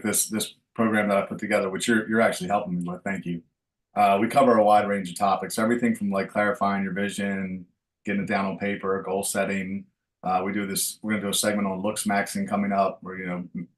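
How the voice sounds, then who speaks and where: A man's voice: on the low side, distant mic, poor audio. A man hosting a podcast, asking laid-back, rambling questions full of fillers. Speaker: podcast host and dating coach. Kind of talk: casual interview chat.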